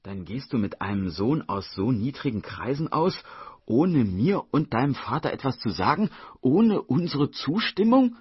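A prim, indignant mother shrieks her shock in high, sharp outbursts, as a husky-voiced male narrator puts her on. Her pitch leaps and falls freely. The voice is dry and a little dull, like a studio voice-over. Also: big pitch swings, measured pace, few pauses, dry recording, heavily acted. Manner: shrill, scandalized outbursts. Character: prim upper-class Korean mother, indignant.

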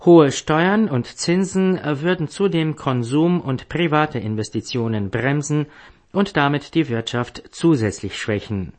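A man reading a scripted news bulletin in a formal manner as a radio newsreader. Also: on the high side. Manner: formal, headline then story.

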